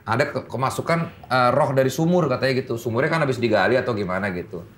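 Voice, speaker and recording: A male host in a relaxed chat, playful and laughing often. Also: mid-range voice, fast talker. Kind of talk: casual chat.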